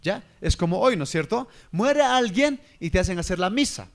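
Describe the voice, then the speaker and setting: A man's voice: high-pitched, expressive, normal speed. A man, preaching a sermon and firing rhetorical questions at his listeners. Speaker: pastor.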